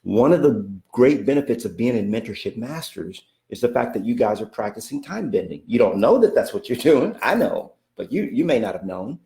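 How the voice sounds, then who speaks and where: A man's voice: fairly low pitch, very animated, fairly quick, gravelly, hardly any pauses, mellow, reverberant. A man giving a motivational coaching talk, emphatic and repetitive, often checking in with "okay?" and speaking of God in a preacherly way. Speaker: real estate coach.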